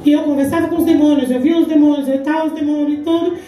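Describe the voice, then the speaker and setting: A woman's voice: sits high, fairly even intonation, fast talker, mellow. A Brazilian woman in her forties, a deaconess, giving an emphatic testimony sermon at a church women's congress and acting out the dialogue she recounts. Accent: Brazilian Portuguese. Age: 40s. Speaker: deaconess preaching. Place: large church hall. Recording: echoey church hall from far off, faint music.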